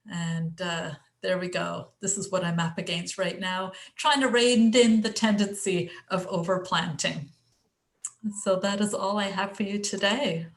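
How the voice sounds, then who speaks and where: An English woman chatting casually through a garden presentation on a video call, self-deprecating and full of fillers. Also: fairly low pitch. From England. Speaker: guest speaker presenting her garden.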